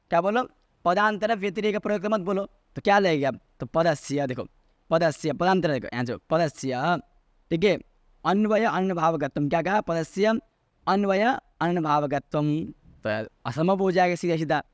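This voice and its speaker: A man's voice: on the high side, no echo, studio quality. A man explaining a classical logic text as a teacher, repeating key terms and asking and answering his own questions. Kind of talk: explanatory lecture.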